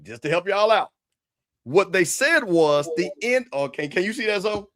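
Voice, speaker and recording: A man's voice: high voice, big pitch swings, normal speed, a bit bright. A man hosting a casual sports talk show, brash and scolding as he corrects his listeners. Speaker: show host.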